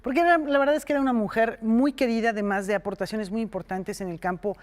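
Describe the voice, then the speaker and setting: A woman's voice: a little high, steady tone, fast talker. A woman anchoring a news show, talking conversationally and listing items.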